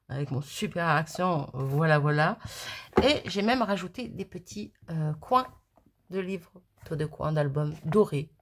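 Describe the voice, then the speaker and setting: A woman chatting casually as she shows her crafts, rambling and poking fun at herself. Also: mid-range voice. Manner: chatty, rambling, self-mocking with little laughs. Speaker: crafting video host.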